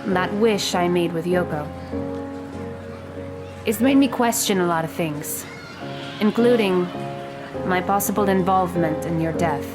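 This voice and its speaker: In an audio drama, a woman plays a guarded high school girl who speaks in precise, matter-of-fact, formal words. Her voice is close to an everyday one.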